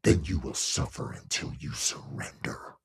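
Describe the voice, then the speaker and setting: A man voicing a sinister, patient demon in a horror story, in a dark, breathy, threatening whisper. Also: very deep voice, steady tone, voice pushed down, heavily acted. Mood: menacing. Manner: slow, threatening, hushed. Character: menacing male demon, patient, sinister, ancient tormentor.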